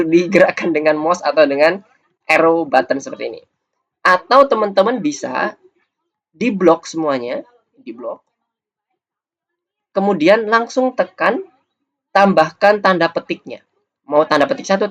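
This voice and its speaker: A man's voice: fairly high pitch, fairly bright tone. A man teaching a coding lesson over a screencast, explaining patiently step by step. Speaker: programming teacher. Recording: dull lo-fi audio.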